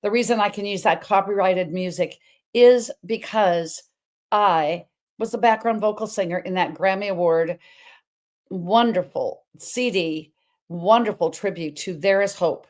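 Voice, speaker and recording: A middle-aged woman hosts her own talk show, delivering a personal monologue in a big, full voice. She's energetic and emphatic yet unhurried, drifting freely from point to point, her pitch sitting squarely in the middle of the female range.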